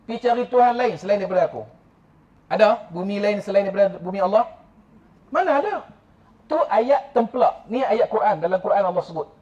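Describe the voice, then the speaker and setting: A man with a northern Malaysian Kedah accent giving a mosque religious lecture, animated and teasing, breaking into chuckles and mock quotes. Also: high-pitched, a little fast. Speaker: religious teacher. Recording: dull lo-fi mosque recording.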